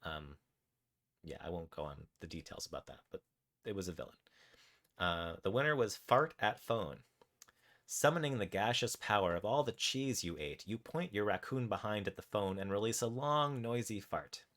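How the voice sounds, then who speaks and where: A man's voice: on the low side, expressive, moderate pace, fairly bright tone. A man streaming live, reading his interactive fiction story aloud in a laid-back way, with casual asides about the poll results. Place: home streaming setup.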